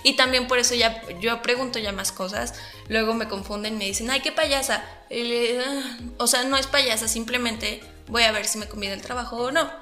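A Mexican woman speaks as an interview guest, earnest and animated as she tells her story. Her voice sits a little high and sounds bright and clear. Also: moderate pace, faint music behind. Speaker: interview guest, pageant winner. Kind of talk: casual interview answers.

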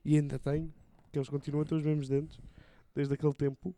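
A man's voice: a little high, flat delivery, fast, dark tone. A man chatting casually on a podcast in slangy, joking talk. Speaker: podcast host. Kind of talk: casual chat.

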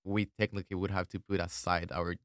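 A man's voice: deep voice, level tone, a little fast, a bit bright, no echo, studio quality. A young man, chatting in a laid-back, thoughtful way as a student guest. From Ecuador. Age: 20s. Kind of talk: casual chat.

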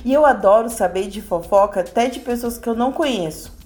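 Expressive São woman chatting. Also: a little high, fairly quick. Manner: expressive and playfully dramatic. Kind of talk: casual gossip chat.

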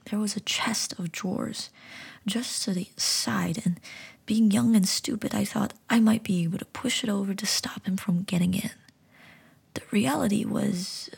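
A woman's voice: mid-range voice, creaky, darkish tone, slightly rough. A woman narrating a first-person horror story entirely in a whisper. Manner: whispering throughout.

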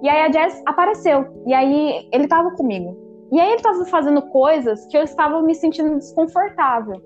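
A young woman with a high voice, talking quickly and animatedly in a casual chat with friends. She keeps acting out what people said, full of fillers. The sound is dull and lo-fi, with faint music in the background. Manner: animated, lots of fillers and quoted dialogue.

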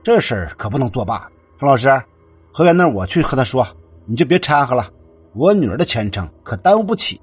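A bossy middle-aged mother who sneers and lays down the law, loud and lively, as a male storyteller plays her. The husky, dry reading keeps her close and cutting. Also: medium pitch, fast talker, dry recording, faint music behind. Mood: domineering. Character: domineering moneyed middle-aged mother, scornful.

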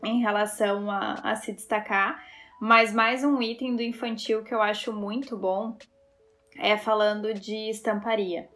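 A woman guest in a casual interview, telling lively stories and laughing as she talks. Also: mid-range voice, a little slow, soft background music. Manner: chatty storyteller, laughs while talking. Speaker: guest, fashion designer.

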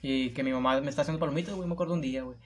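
Fast-talking young Mexican man. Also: mid-range voice. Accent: Mexican Spanish. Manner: rapid, repetitive, peppered with slang fillers. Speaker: interviewee telling his story. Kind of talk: casual conversational storytelling.

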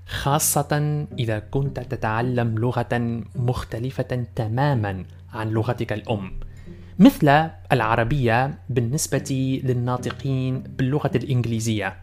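A man hosting a language podcast, presenting a scripted lesson in carefully enunciated formal Standard Arabic and in English. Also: medium pitch.

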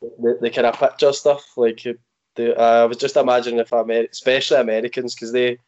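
A Scottish man with a broad Glasgow accent talks in a casual, colloquial way, slipping into imagined quotes. His pitch sits in the middle for a man, and the recording is slightly dull. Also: flat delivery, fast talker, a little mellow. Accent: broad Glaswegian Scottish. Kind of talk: casual chat.

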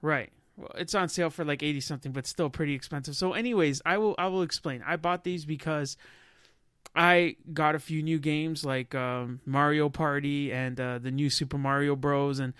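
A man's voice: a little high, normal speed, fairly bright tone, clear, resonant tone, dry recording, studio quality. A man co-hosting a casual tech podcast, chatty and loose, with many fillers and restarts. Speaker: podcast co-host.

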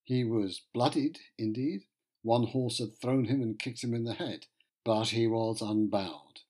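A man's voice: medium pitch, a little slow, a little mellow, slightly rough. Wry male history narrator. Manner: wry, conversational storytelling with asides. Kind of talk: scripted narration.

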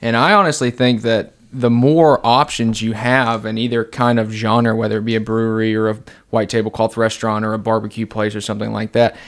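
A man's voice: lowish voice, little pitch movement, fairly quick, hardly any pauses. A man hosting a casual podcast interview, laid-back and rambling with many fillers. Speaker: podcast host.

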